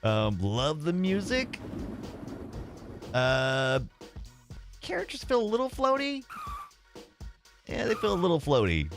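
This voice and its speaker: A man's voice: fairly high pitch, wildly swooping pitch, slow, long pauses. A man giving casual live commentary as he streams a game and chats with viewers. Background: game music.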